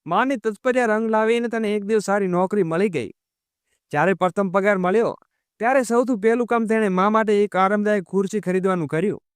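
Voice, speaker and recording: A man narrating a moral story at a steady pace and calling his listeners friends. His voice is fairly high for a man and very smooth and clear, recorded close with no room sound. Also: brisk, dry recording.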